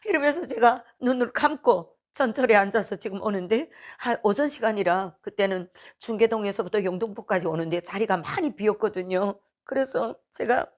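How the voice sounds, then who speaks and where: A woman's voice: medium pitch, moderate pace, hardly any pauses, darkish tone. Earnest North Korean woman giving testimony. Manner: earnest emotional storytelling. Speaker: testimony speaker. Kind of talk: personal faith testimony.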